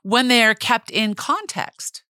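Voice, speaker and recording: A woman's voice: a little high, a little slow, no echo, studio quality. A middle-aged woman co-hosting a podcast, chatting casually and laughing often. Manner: animated, laughs often, faith-based talk. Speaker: podcast co-host. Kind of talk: casual chat.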